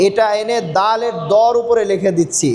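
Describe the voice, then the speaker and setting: A man teaching Quran reading step by step, asking questions and answering them himself, slowing down to spell out letters. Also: high voice, a little mellow. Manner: slows down to spell out and recite letters. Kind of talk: step-by-step recitation lesson.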